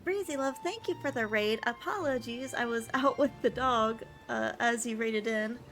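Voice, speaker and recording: A woman's voice: fairly high pitch, moderate pace, a bit bright. A young woman, chatting casually with her stream while out of breath, rambling and laughing often. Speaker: vtuber streamer.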